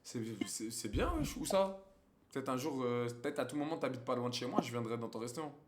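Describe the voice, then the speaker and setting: Lively intonation and a mid-range voice mark this fast-talking man in his 20s. On a live stream he banters crudely and teases strangers over video calls, full of slang and frequent swearing.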